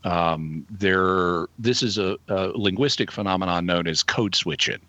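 A middle-aged man with a Southern Arkansas accent explains things in a conversational, analytical manner. His voice is fairly low yet distinctly bright and forceful, with deliberate, halting phrasing. The sound is dry and close, without room echo. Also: muffled recording. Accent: Arkansas Southern American. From Arkansas, United States. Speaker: guest answering listener questions.

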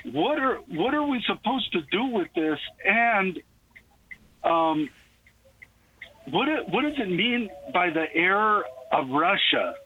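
A high-pitched man speaks over a thin, tinny phone line with a faint hiss behind him. He asks his question earnestly and haltingly, with plenty of fillers. He sounds like a caller on a radio call-in show. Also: sing-song. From Texas, USA. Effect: heard over the phone.

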